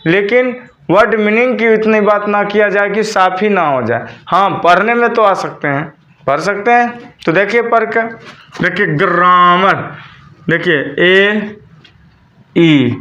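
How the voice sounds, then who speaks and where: A man's voice: high voice, fairly bright tone. A man teaching a classroom lesson. He spells words out letter by letter and keeps asking the students questions. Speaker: English teacher. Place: classroom with a board.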